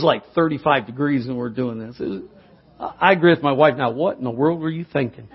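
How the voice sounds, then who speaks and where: A man's voice: on the high side, gravelly, breathy edge. A middle-aged man preaching a sermon, telling a homespun story and building to fervent exhortation. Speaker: pastor. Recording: dull lo-fi sound.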